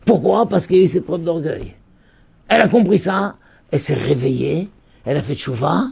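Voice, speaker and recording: A male rabbi teaching a Torah lesson in a high, lively voice that climbs and falls widely. His tone is husky with a gravelly edge. He hammers points home by repeating phrases, and his volume swings from loud calls to near whispers.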